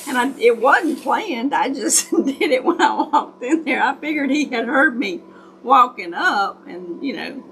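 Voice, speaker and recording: A woman's voice: high-pitched, animated, unhurried, a bit bright, a little hiss or hum, poor audio. A woman with a Southern US accent and folksy hillbilly way of talking, chatting and telling stories casually to livestream viewers. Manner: folksy, self-described hillbilly country talk. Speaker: craft livestream host. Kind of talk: casual chat, storytelling to live viewers.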